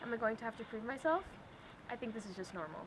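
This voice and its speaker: A woman's voice: a little high, animated, fast talker. A young woman from Ireland giving wry, scripted personal narration as a student. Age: young adult. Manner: wry, questioning. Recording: clear background noise.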